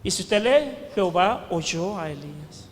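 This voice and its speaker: Male pastor, very high bright voice, fervent sermon in a reverberant church hall. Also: animated, a little slow. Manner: fervent preaching, asks the congregation questions, shouts quoted cries.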